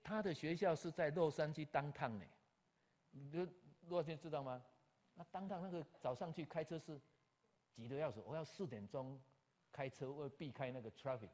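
An older man, a pastor, telling a personal story in an animated way, acting out conversations and dropping in English terms. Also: on the high side, moderate pace. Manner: animated, acts out dialogue, scattered English terms. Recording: long hall reverb.

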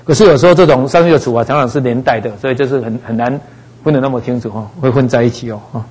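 A man teaching a Bible passage in a relaxed, conversational way, dropping frequent little fillers. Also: medium pitch, rapid-fire, breathy edge, low-quality recording. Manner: conversational, frequent "哈" fillers, acts out voices in quotes.

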